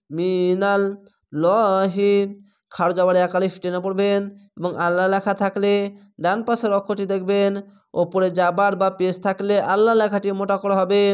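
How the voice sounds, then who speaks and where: A man teaching Quran reading, spelling out Arabic words slowly syllable by syllable. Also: sits high, smooth. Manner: slow, drawn-out syllable-by-syllable spelling and chanting. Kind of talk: spelling-out Quran recitation lesson.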